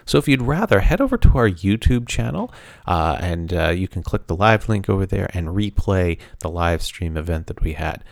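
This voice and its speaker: A man's voice: deep voice, big pitch swings, normal speed, gravelly, no room sound. A man hosting a podcast in a casual, conversational style. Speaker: podcast host. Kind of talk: casual episode introduction and live stream hosting.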